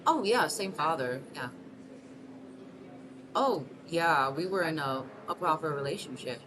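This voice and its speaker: In a scripted short-film monologue, a woman in her thirties from Mexico City plays a soft-spoken, self-conscious 38-year-old single mother being interviewed. She answers questions we never hear, faltering with lots of ums and restarts. Her voice is low yet animated, and a noticeable hiss sits in the background.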